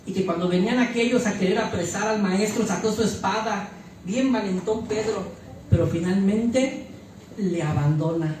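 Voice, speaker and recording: A man's voice: high-pitched, normal speed, darkish tone, slight background noise. A man preaching a fervent sermon as pastor, repeating phrases for emphasis and addressing the congregation. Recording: echoey church hall, mic far off.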